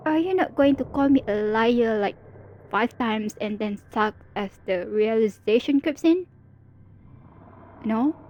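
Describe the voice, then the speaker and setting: On dull-sounding audio, a high-pitched woman acts out an ASMR scene as a female villain speaking to the hero who opposes her. Her manner is teasing and playful, with a confiding tone.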